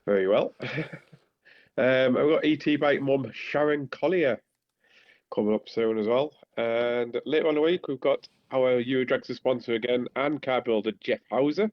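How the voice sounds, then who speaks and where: A man with a Teesside accent, co-hosting a podcast and reading out announcements in a casual, halting way. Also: medium pitch, no room sound. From Teesside, north-east England. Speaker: podcast co-host. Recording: slightly dull lo-fi microphone.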